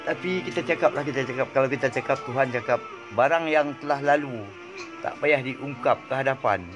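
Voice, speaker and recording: A man in his eighties from Kedah with a Malaysian Malay accent, reflecting on faith in a halting, rambling way, recorded on a phone in a small room. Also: mid-range voice, over music. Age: 80s. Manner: halting, rambling, sprinkles Arabic phrases. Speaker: interviewee. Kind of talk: religious reflection. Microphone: phone held close.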